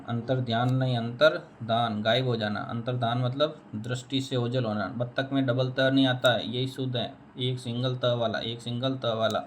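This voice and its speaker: A man's voice: mid-range voice, slight background noise. A man teaching a spelling lesson, repeating each word and answering his own questions. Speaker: Hindi teacher.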